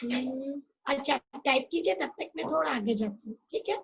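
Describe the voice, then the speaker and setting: A woman's voice: high voice, moderate pace, a little hiss or hum, low-quality recording. A woman teacher giving an online class, patiently repeating key terms and checking that students follow. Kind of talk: online class lecture mixing Hindi and English.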